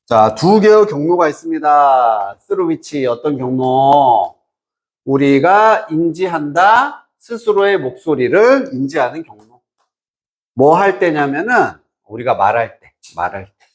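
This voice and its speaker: A male English teacher with a fairly high, very animated voice that swoops up and down. He lectures in a casual tone, drops English phrases into his explanation, and keeps firing quick check-in questions at his students. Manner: checks understanding with frequent quiz-like questions. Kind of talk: lecture explaining an exam passage.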